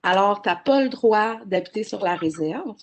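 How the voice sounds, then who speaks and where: A woman's voice: medium pitch, lively intonation, moderate pace. A woman, speaking as a panelist in a webinar over a video call, earnest and explanatory with frequent hesitations. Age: 40s.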